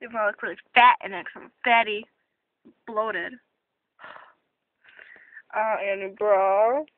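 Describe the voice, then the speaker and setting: A woman vlogging in casual chat, rambling off on quick tangents and swearing freely, from a parked car. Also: mid-range voice, fairly even intonation, no room sound. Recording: tinny phone-like recording.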